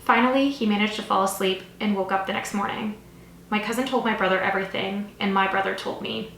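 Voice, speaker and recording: A woman's voice: medium pitch, fairly even intonation, fairly quick, fairly bright tone, a little hiss or hum. Young woman reading creepy sleepover stories, keeps stopping to ramble and say sorry, roomy echo. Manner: rambling, apologetic, reactive asides. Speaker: horror story channel host. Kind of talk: reading viewer stories aloud with chatty asides.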